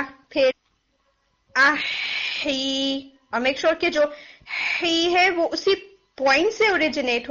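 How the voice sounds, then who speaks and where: A woman teaching recitation, demonstrating each sound slowly and mixing in English phrases, with a sore throat that she keeps clearing. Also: high-pitched, a bit bright, dull audio. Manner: mixes English phrases into Hindi-Urdu. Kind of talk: pronunciation lesson.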